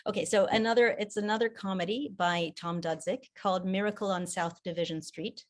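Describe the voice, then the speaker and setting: A guest in a conversational interview, she's a voice actor and theater producer who grew up speaking French but sounds American in English. She talks about her voice acting with many restarts, in a mid-range, steady, brisk voice.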